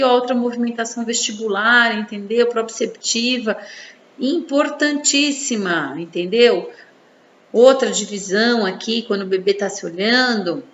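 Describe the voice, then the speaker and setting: A woman with a Brazilian Portuguese accent and a fairly high, slightly bright voice presents on infant development as a psychology speaker, informally explaining and often using tag questions. The audio is dull and echoey, with faint noise.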